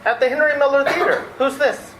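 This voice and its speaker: A woman's voice: high voice, fairly even intonation, fairly quick, fairly bright tone. A woman playing an exasperated, sardonic young man in an old-time radio play. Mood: sardonic, hostile. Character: exasperated, sardonic young male theatre critic. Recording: echoey room, faint noise.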